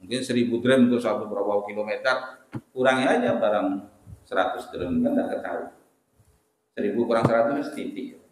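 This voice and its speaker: A man's voice: fairly low pitch, brisk, pauses often, a little hiss or hum. A man preaching a sermon in a mosque, talking conversationally and putting questions straight to the congregation. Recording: very echoey mosque hall.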